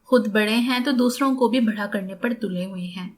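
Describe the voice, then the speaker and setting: A woman's voice: medium pitch, natural voice. A woman voicing a sassy, talkative twenty-year-old woman doctor in an audiobook, cheeky and defiant.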